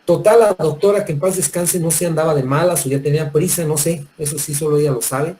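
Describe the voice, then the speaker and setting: Mexican guy teaching med school, kinda high voice, loose and chatty, keeps restarting words. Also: fast, mellow, slight background noise, poor audio. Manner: colloquial, addresses students directly, repeats and restarts words. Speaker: medical school professor. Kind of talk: classroom lecture with anecdotes.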